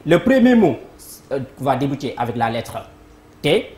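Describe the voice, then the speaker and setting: With a very deep, dark-toned voice that runs sing-song at a measured pace, a woman hosts a live TV word game. Her upbeat announcer style has her addressing viewers and cueing applause, in a studio with echo and faint noise.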